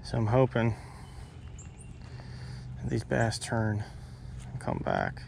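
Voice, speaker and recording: A man's voice: lowish voice, slow pace, vocal fry. A young man narrating casually while he fishes, chatting to the fish and to his viewers, recorded outdoors on a head-mounted camera. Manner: excitable, talks to the fish and viewers. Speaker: fishing vlogger. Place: outdoors at a pond bank. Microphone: head-mounted action camera. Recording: outdoor camera mic with nature noise.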